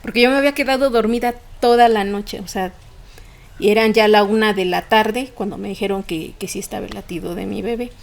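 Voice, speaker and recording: A woman's voice: mid-range voice, a little fast, gravelly, a little hiss or hum. A woman, a podcast guest telling a personal story in conversation, emotional and fluent, with frequent fillers.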